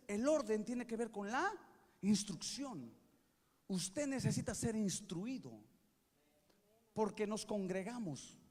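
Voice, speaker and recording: A male pastor preaching a sermon, asking the congregation to repeat after him and checking if they follow. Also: high-pitched. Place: church sanctuary. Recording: long hall reverb from a church.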